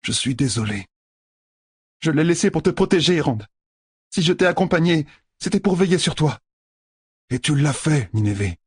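A man reading an audiobook voices a weary young lord and blacksmith who speaks earnestly and gently. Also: a little high, expressive, moderate pace, pauses often, husky, no echo, clean studio sound, pitched above the performer's own voice. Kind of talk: audiobook character voice.

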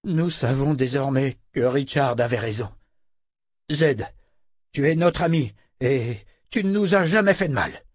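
A man's voice: medium pitch, lively intonation, measured pace, dry recording, studio quality. A man reading a French audiobook, voicing a frightened grown man who pleads urgently in a raised voice. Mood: pleading.

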